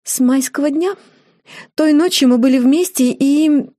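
A woman's voice: a little slow, mellow, no echo, studio quality. Woman voicing a defiant teenage daughter. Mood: emotional. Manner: high, emotional and pleading. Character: defiant eighteen-year-old noble daughter.

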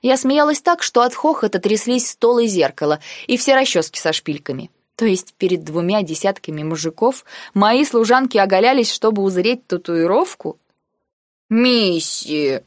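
A woman reading a first-person novel aloud in a wry, measured storytelling manner. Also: mid-range voice, expressive, no room sound, studio quality. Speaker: audiobook narrator. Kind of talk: scripted first-person narration.

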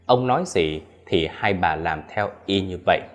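A man narrating a horror story in an expressive storytelling manner, with soft music underneath. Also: low-pitched, moderate pace, a little hiss or hum.

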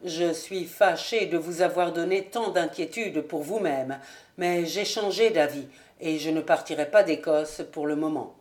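Audiobook: a woman plays a brooding, aloof young nobleman, low and restrained. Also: a little slow, a little mellow. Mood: haughty. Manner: cold, haughty and restrained. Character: proud gloomy young male nobleman.

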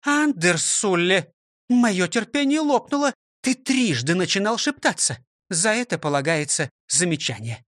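A man voicing a cheerful, fussy elderly schoolteacher woman who exclaims brightly. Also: high-pitched, very animated, unhurried, no echo, clean studio sound, pitched above the performer's own voice, full character voice. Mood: stern. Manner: chirpy, exclaiming.

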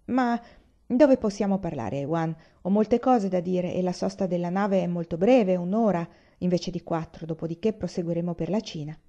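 A woman's voice: lowish voice, moderate pace, warm tone, dull audio, close to an everyday voice. A woman reading the part of a stern young man who firmly urges his brother home, in an audiobook reading. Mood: earnest. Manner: firm, urgent, commanding.

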